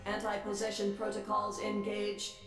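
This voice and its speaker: A woman's voice: medium pitch, completely flat delivery, moderate pace, close to an everyday voice. An actress playing an emotionless, dutiful mother robot in a video game, clipped and formal. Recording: echoey, over game music.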